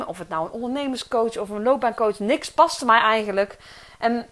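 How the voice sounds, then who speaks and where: A middle-aged woman speaks with a Dutch accent and a somewhat high voice. She talks through a personal podcast monologue as a coach. Her delivery is earnest and reflective, with hesitations and restarts. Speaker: podcast host and career coach.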